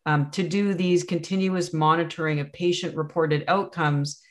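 An interview host with a mid-range voice frames long, winding questions. The host reaches the point slowly, padding the question with fillers and asides. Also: medium pitch, steady tone.

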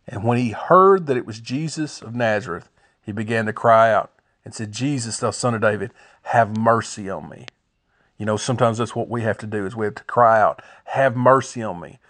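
A man's voice: medium pitch, fairly bright tone, dry recording. Earnest man giving devotional talk. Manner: earnest, conversational, rambling with self-corrections. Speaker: podcast host sharing devotional notes.

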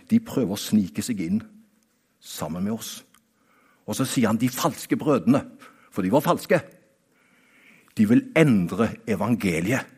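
A man preaching a sermon. He talks straight to his listeners, rising to emphatic high points and then dropping to quiet asides. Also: slightly rough. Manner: animated, talks straight to the listener with repeated "vet du hva?"; swings between raised, emphatic peaks and quiet, low-voiced asides.

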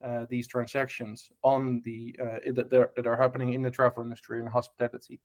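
A Dutch man with a Dutch accent talks fast in a medium-pitched, monotone, darkish voice. He's a hospitality tech lead appearing as a guest on a casual podcast interview about hotel technology. His speech is packed with fillers and restarts, and he caps his points with tag questions like "right?"

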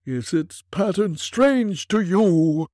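Storybook ghost of an old businessman, high, slow and wailing, heavy with regret. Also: expressive, mellow, dry recording, studio quality. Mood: solemn, grave. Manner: slow, mournful, booming declamation. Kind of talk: storybook reading.

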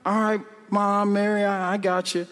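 Laid-back young guy talking slang, as a high-voiced preacher does him. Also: flat delivery, normal speed, a bit bright. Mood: offhand.

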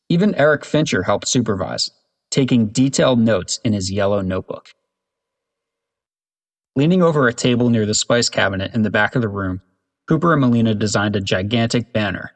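Low-voiced man narrating a storybook. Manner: steady, even reading.

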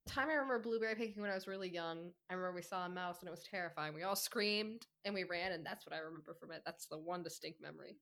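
A woman's voice: lowish voice, quick pace, few pauses, a bit bright. A young woman in casual chat with a friend, chatty and rambling through anecdotes.

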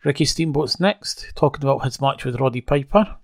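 A man's voice: medium pitch, lively intonation, fairly quick, creaky, darkish tone, no echo, studio quality. A man casually recapping an old wrestling broadcast, conversational with wry asides. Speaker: wrestling show reviewer.

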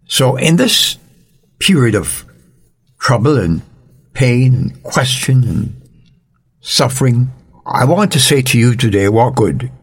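Slow, husky older man. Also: mid-range voice, very animated. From Jamaica. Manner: slow, earnest, fatherly counsel with dry humor. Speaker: radio Bible teacher and host. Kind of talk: gentle devotional radio talk.

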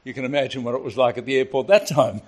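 An older man preaching a sermon, telling a family story with a lively, varied delivery. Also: medium pitch, fast.

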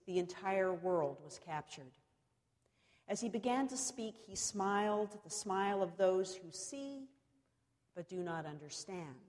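A woman preacher gives a cathedral sermon in a long, ringing reverb. Her delivery is slow and solemn, set out in short, deliberate phrases with pauses between them. Her voice sits at a medium pitch for a woman. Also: darkish tone. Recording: long reverberant echo of a large hall.

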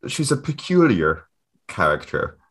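Very deep-voiced man chatting. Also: sing-song, a little slow, fairly bright tone, breathy edge. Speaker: podcast guest. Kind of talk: casual chat.

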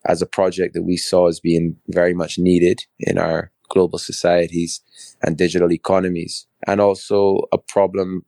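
A middle-aged man from Barbados, a podcast guest explaining his work in fluent, measured sentences. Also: deep voice, gravelly, a little mellow, no echo. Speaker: guest, crypto co-founder. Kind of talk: podcast interview.

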